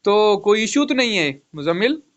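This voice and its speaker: Male teacher, high voice, unhurried delivery, spells words out, dull lo-fi online audio. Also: big pitch swings, a bit bright. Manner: spells words letter by letter, repeats "okay" often. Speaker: English teacher. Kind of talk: online vocabulary lesson.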